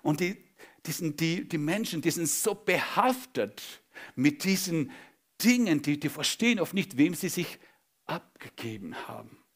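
A male pastor preaching a sermon dramatically, swinging between loud emphasis and hushed whispers. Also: fairly high pitch, lively intonation, a little slow, husky.

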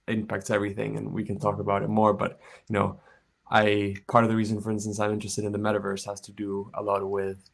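A young man talks on a video-call panel from a room at home. His low voice has a gravelly edge and stays almost flat in pitch. He hedges and rambles loosely, full of "sort of" fillers. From Chile. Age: young adult. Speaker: panel guest, venture investor. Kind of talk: casual panel talk. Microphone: video call webcam.

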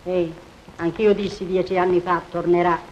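A woman's voice: on the low side, little pitch movement, normal speed, a little mellow, highs cut off, a little hiss or hum, lightly acted. An actress playing a fussy, doting mother in a 1940s film, who soothes and fusses. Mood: fussing.

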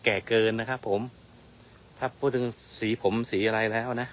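A man's voice: lowish voice, little pitch movement, normal speed. Chatty man in his fifties live-streaming. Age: 50s. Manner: polite, chatty, often ends with "krap phom". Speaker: livestream host. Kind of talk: casual live-stream chat.

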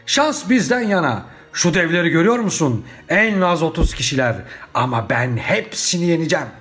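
A man voicing an old, deluded would-be knight in a storybook reading, bombastic and given to shouting battle cries. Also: on the high side, big pitch swings, moderate pace, faint music behind. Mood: boastful. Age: older.

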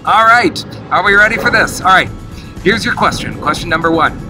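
A man's voice: high-pitched, fairly quick, over music, low-quality recording. An upbeat middle-aged man, a cruise director, casually hosting a quiz to camera outdoors. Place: outdoors in an open park.

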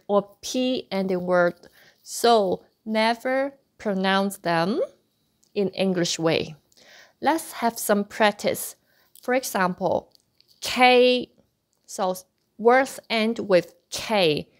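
A woman's voice: mid-range voice, takes it slowly. A woman teaching an online language lesson, patiently repeating sounds for practice. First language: Cantonese. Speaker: Cantonese teacher.

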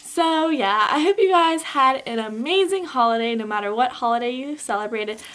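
A woman's voice: sits high, expressive, moderate pace, a bit bright. Chatty upbeat teen girl vlogger. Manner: chatty, upbeat, many fillers. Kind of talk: casual holiday haul vlog. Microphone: camcorder built-in mic.

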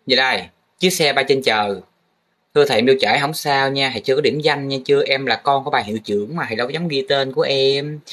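A man's voice: mid-range voice, a bit bright. A young man playing a comic art teacher grading students' drawings, teasing and full of exaggerated exclamations. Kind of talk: comedic teacher role-play monologue.

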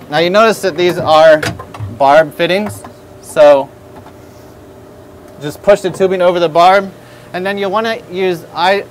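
A man's voice: fairly high pitch, slight background noise. A man in his thirties with an American accent, upbeat and instructive as he demonstrates aquarium setup in a store showroom on a lapel mic. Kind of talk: product demonstration tutorial.

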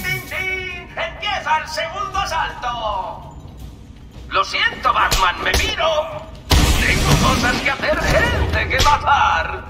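Manic game clown villain: very high, theatrical, taunting, heard over loud music. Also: male voice, exaggerated voice. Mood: mocking glee. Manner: gleeful, taunting, showman-like. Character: manic, mocking clown supervillain man. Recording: echoey, distant, loud music behind.

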